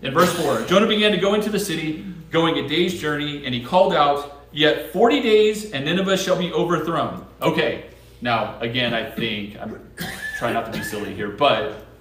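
A man's voice: medium pitch, moderate pace, pauses often, fairly bright tone. Man, preacher, casual jokey sermon, asks the room questions, echoey church, set back from the mic. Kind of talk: casual sermon with Bible reading. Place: church sanctuary. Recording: roomy church recording from a distance.

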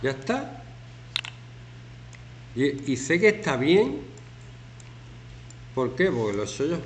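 A man's voice: on the high side, takes it slowly. A man in his fifties, a teacher, talking casually and jokingly to his students while working through a class activity. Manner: chatty, joking, lively, acts out shouting examples. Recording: echoey classroom, faint background noise.

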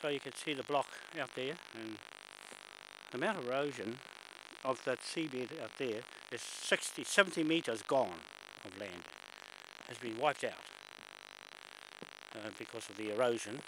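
An older man, out of breath and chatting as he films a walk down a bush stairway, often clearing his throat. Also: mid-range voice. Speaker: vlogger filming a walk. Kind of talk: casual walking commentary. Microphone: handheld camera mic. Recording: loud hissy camcorder audio.

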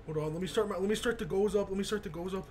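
A live streamer giving excited reaction commentary, yelling, laughing and swearing in bursts. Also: medium pitch, rapid-fire. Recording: steady background noise.

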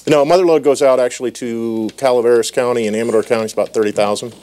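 A man's voice: mid-range voice, fairly even intonation, fast talker, a little mellow. A man in his forties from Minnesota with an American accent, chatting as a talk show guest with understated, dry humour, often repeating short phrases. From Minnesota, United States. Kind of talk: casual bantering interview. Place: small TV studio with audience. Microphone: lapel mic.

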